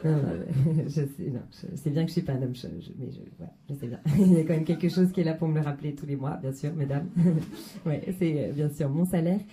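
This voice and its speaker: On a comedy club stage, a stand-up comedian in her thirties riffs in a hesitant, slangy, self-deprecating way. She talks fairly quickly in a deep, warm voice, and the live recording carries faint noise.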